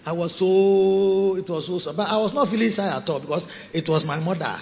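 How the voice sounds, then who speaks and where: A man, a bishop and pastor preaching a sermon with sung phrases and sudden soft asides. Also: sits high, a little fast, gravelly. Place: large cathedral hall. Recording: dull recording with long hall reverb.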